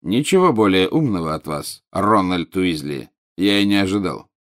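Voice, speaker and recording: A man voicing a cold, contemptuous male teacher who talks in a slow drawl. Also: low voice, lively intonation. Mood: sneering.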